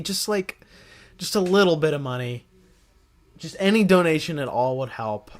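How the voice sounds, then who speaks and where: Man rambling on a casual livestream. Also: mid-range voice. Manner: rambling, self-correcting, talks straight to viewers. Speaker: livestream host. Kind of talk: casual live-stream chat with viewers.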